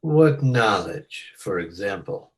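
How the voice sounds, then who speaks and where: Slow and sing-song, a man with a fairly low voice acts the part of a casino boss in a vintage radio detective play. The character is confident and menacing, issuing short, commanding lines with cool threat.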